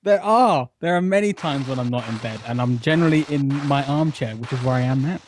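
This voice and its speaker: A man chatting as a podcast guest from an armchair at home, laid-back and chuckling, halting on fillers. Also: medium pitch, slight background noise. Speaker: podcast guest, radio show admin. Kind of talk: casual chat.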